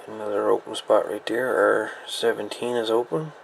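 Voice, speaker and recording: At normal speed and in a steady tone, a man with a lowish, gravelly voice does a relaxed teardown of a radio gadget at his workshop bench. This radio hobbyist reviewer thinks aloud and mumbles to himself, and the low-quality recording has a little hiss or hum.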